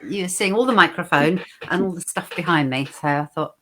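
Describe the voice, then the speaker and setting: A woman's voice: lowish voice, a little fast, a loud crowd. A woman chatting casually as a guest on an online show, with a playful, teasing manner. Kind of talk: casual chat.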